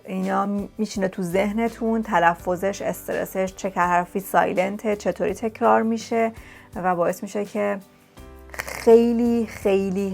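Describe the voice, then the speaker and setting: A woman's voice: medium pitch, gravelly. A woman vlogger giving language-learning tips in a casual, chatty way, often repeating words for emphasis. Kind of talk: casual talk to camera. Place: lives in England.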